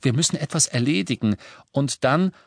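A man's voice: mid-range voice, expressive, moderate pace, gravelly, husky, no room sound, pitched above the performer's own voice. A man voicing a tense teenage boy who speaks with urgency in an audiobook. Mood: urgent.

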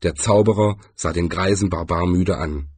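Low, husky male audiobook narrator. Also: normal speed, darkish tone, dry recording. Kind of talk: scripted narration.

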